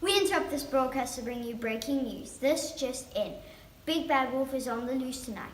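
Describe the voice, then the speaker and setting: A woman playing a brisk reporter delivering a mock breaking-news report. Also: high-pitched, lightly acted. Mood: urgent. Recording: roomy echo.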